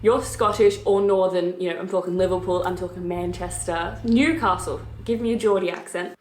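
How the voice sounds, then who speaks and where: A woman's voice: fairly low pitch, normal speed, soft background music. A woman from Canada, a travel vlogger, talking casually and acting out what others say. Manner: chatty, quotes others in lively asides. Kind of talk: casual vlog talk. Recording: echoey room.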